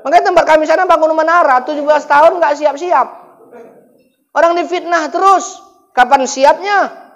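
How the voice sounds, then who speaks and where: A male preacher with a lilt delivers a humorous sermon at a mosque gathering. He keeps the telling lively and animated, turning to the men in the hall again and again. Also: very high voice, moderate pace, vocal fry. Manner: lively, animated, often addresses listeners as "Pak". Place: mosque gathering after dawn prayer.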